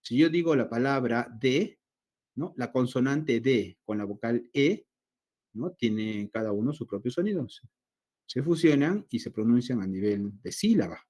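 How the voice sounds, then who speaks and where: Brief: Latin American male teacher, online lecture, dark husky voice, patient and repetitive. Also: mid-range voice, lively intonation. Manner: explains slowly, asks himself students' questions.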